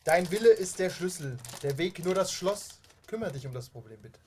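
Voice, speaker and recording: A man's voice: fairly high pitch, lively intonation, moderate pace, a crowd in the background, lightly acted. Tall haughty buxom lady, stiff formal speech, played by a man, tabletop game role. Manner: stiff, old-fashioned formal address.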